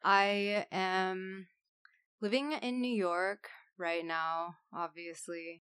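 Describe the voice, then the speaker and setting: Slow, smooth-voiced woman from Texas. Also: medium pitch, steady tone, a bit bright, dry recording, clean studio sound. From Texas, United States. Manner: unhurried, tentative, with "like" and "I don't know". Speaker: podcast guest. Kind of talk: casual chat.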